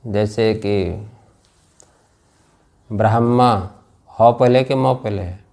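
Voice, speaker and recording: A man teaching Sanskrit grammar to a class. He speaks slowly, repeats key phrases and keeps asking his students whether they follow. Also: fairly low pitch, vocal fry, dark tone. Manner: slow and repetitive, drills phrases and checks understanding. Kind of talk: classroom lecture with questions to students.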